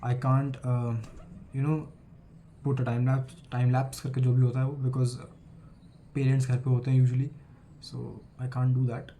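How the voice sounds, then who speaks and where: A man's voice: mid-range voice, completely flat delivery, takes it slowly, long pauses, dark tone, a little hiss or hum. An 18-year-old man with an Indian accent, talking earnestly to camera in a casual vlog, recovering from a cold. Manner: earnest, mixing Hindi and English. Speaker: student vlogger.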